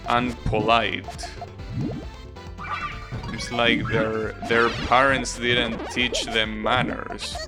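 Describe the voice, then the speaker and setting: A video game streamer gives casual live commentary on his gameplay, often repeating words hesitantly and swearing offhandedly, with video game music playing behind him. His voice is medium-pitched and creaky.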